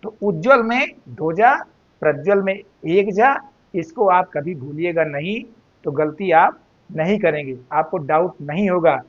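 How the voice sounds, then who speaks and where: Male Hindi teacher, high voice, unhurried drilling delivery, dull lo-fi sound. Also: expressive. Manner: slow, drawn-out repetition of words, addresses students as "beta". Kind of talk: spelling and grammar lesson.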